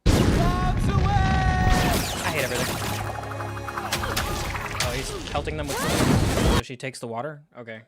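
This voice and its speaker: A man's voice: mid-range voice, a little slow, long pauses, over loud music. A young man streaming a live film reaction and ranting about it with sarcastic, profane disbelief. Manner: sarcastic, profane, incredulous rants.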